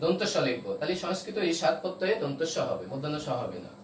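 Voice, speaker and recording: Rapid-fire and very animated, this man's voice leans high as he teaches an online class. He walks through material step by step and keeps checking that students are following. The recording has a roomy echo, faint noise, and a distant-sounding voice.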